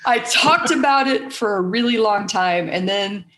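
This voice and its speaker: In an echoey room, a podcast host with a soothing voice has a casual conversation, candid and animated, swearing now and then. The voice is mid-range, bright and forceful, with an unhurried delivery.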